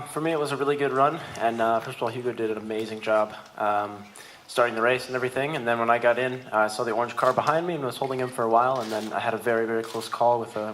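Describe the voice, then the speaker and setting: A man, a racing driver, answering at a press conference in a quick, eager way, praising his team. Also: medium pitch, a bit bright, slight background noise.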